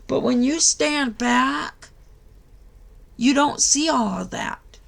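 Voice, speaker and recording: A woman's voice: high-pitched, lively intonation, slow, gravelly. A tired woman hosting a crafting channel, talking casually to her viewers late at night. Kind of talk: casual tutorial talk to viewers.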